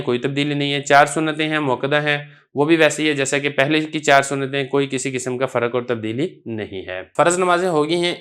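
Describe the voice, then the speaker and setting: A man with a Pakistani Urdu accent explains the prayers in a calm, steady teaching voice. His tone is smooth and resonant, at a middle pitch. The delivery is unhurried and methodical. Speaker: religious teacher. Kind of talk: scripted religious lesson.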